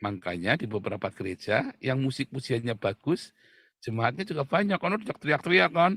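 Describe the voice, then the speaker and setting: Gravelly joking male preacher. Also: animated, moderate pace, dry recording, clean studio sound. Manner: joking, swings between low murmurs and loud shouts. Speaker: pastor. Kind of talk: casual sermon.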